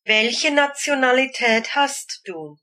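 A woman examiner puts short questions very slowly and deliberately. Her voice is bright and slightly high. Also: expressive. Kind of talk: slow, clear exam prompts.

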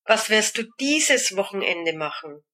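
A woman asking short speaking-exam questions, each one deliberate and clearly spaced. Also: medium pitch, big pitch swings, pushed and bright. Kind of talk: slow, clear exam prompts.

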